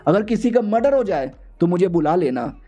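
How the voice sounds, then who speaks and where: A man voicing a cocky, clever little boy who boasts and lays out his reasoning point by point, in a high, mellow voice. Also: sing-song, moderate pace. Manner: boastful, explains things point by point.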